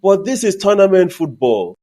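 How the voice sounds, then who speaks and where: A man co-hosting a podcast, chatting casually about sports in an emphatic, lively, opinionated way. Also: high-pitched, normal speed. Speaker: podcast co-host.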